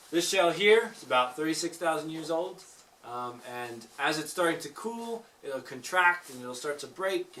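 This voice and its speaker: A man's voice: mid-range voice, pushed and bright. Echoing male cave guide, distant from the mic. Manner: echoing cave guide, informal teacherly explaining; jokey asides. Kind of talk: guided tour talk, explaining and questioning the group. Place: inside a lava tube cave. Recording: echoey cave, distant mic, faint noise.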